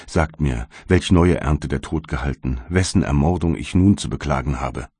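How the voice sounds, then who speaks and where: A man's voice: rumbling low, moderate pace, darkish tone, breathy edge, no room sound, clean studio sound. A man narrating an audiobook in the first person with a solemn, anguished delivery. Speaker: audiobook reader.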